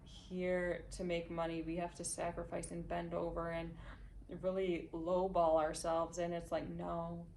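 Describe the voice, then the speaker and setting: A woman with a low, gravelly voice reads tarot cards for her viewers. She is gentle and encouraging and keeps checking in with them. She sits a little far from the mic, with a faint hum of noise in the background. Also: monotone, measured pace. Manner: gentle, encouraging, checks in with "okay?" and "all right?". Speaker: tarot reader. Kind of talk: intuitive card reading for viewers.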